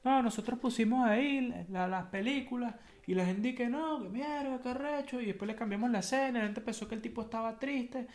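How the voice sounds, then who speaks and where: A man with a Venezuelan accent voicing a gleeful, boastful film experimenter in excited slang, as a mocking caricature in a vlog. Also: very high-pitched, a little fast, few pauses, voice pushed up. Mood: gleeful boasting.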